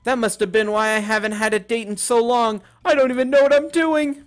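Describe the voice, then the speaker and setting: A man voicing a timid, gentle female pony who speaks softly and stammers. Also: extremely high pitch, steady tone, fairly quick, faint music behind, voice pushed up. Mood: flustered. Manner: soft, hesitant, stammering.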